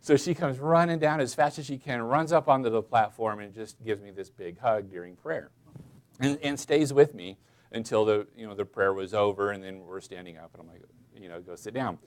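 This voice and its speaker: A man preaching a casual, chatty sermon in church, asking the congregation questions and filling pauses with "um" and "uh". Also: on the low side. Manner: folksy, chatty, many fillers, addresses listeners as y'all. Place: church sanctuary.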